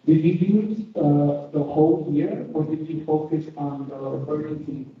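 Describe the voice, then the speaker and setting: A man's voice: on the high side, normal speed. A man from Ecuador, asking a question in a webinar hesitantly, with frequent restarts. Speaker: audience member asking a question. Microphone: video call. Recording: echoey room, tinny phone-like line from far off.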